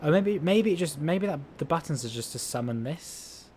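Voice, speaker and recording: A man's voice: on the high side, expressive, moderate pace, slight background noise. A man streaming a puzzle game, talking casually and rambling as he plays, often breaking off and restarting his sentences. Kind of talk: casual let's-play commentary. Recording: game music loud underneath. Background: loud game music.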